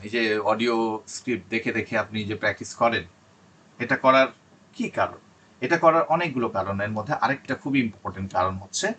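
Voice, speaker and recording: Man, online teacher, bright tone, mid pitch, slow read-out English tips. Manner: reads English tips slowly, explains in Bengali. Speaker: IELTS teacher. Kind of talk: online lesson.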